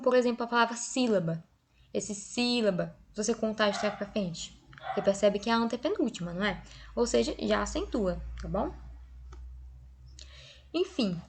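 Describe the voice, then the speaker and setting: Young Brazilian teacher, woman, mid-pitched, patient and encouraging, recorded lesson. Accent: Brazilian Portuguese. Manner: patient, checks in often with "tá bom?" and "ok?". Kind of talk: recorded online class.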